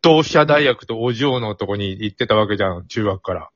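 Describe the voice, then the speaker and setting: A man hosting a casual talk show, teasing his guest in quick banter. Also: on the low side, dry recording, muffled recording. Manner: fast, teasing, animated. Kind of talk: casual chat.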